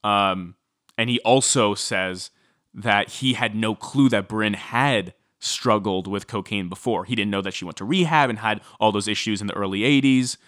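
A man's voice: on the low side, normal speed, dry recording, studio quality. A man casually recounting a true-crime story as podcast co-host, chatty with many fillers. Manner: chatty, filler-heavy, animated when quoting.

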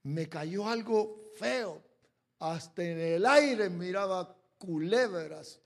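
A man preaching a sermon who swings from quiet asides to shouted peaks and acts out quoted voices. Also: high voice, animated, takes it slowly. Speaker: pastor.

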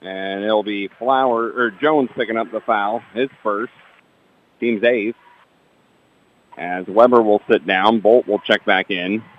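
Man, play-by-play basketball announcer, dry asides, dull lo-fi sound. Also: fairly low pitch. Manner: rapid player-by-player calls, dry asides about the refs.

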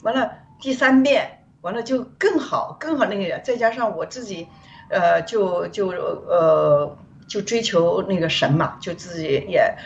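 Woman from China, guest telling her faith story, lowish voice, far from mic, dull sound with a faint rumble. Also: a little slow, gravelly. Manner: earnest, rambling storytelling. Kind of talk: personal faith testimony.

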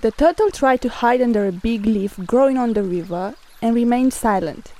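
A woman narrating a folk tale in a clear, measured storybook reading. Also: a little high, animated, mellow.

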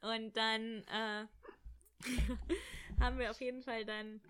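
A young woman in casual chat, telling a travel story in an animated way and acting out the voices of people in it. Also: fairly high pitch, smooth. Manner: animated, rushed, acts out quoted voices. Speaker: storyteller guest.

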